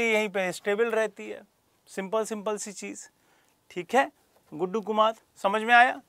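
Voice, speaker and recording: Calling on students by name and throwing out rhetorical questions, a man leads an exam-prep geography class. His voice is high with a fairly bright tone, and the recording is dry.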